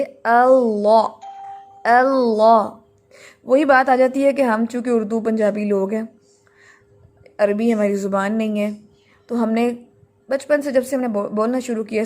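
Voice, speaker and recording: A woman teaching tajweed in a recorded lesson, explaining patiently and drawing out words to model them. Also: fairly high pitch.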